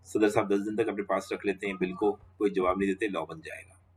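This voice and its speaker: A man's voice: low-pitched, flat delivery, fairly quick, slight background noise. A man giving a law lecture, walking students through each step and repeating questions back to the class.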